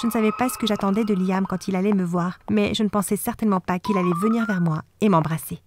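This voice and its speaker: A woman reading a first-person animated story in a scripted, dramatic way. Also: medium pitch, quick pace, music in the background.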